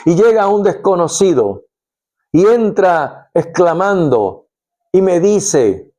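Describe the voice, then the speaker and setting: Slow, mellow preacher. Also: male voice, high voice. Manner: animated storytelling, acts out scenes. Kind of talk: devotional Bible teaching.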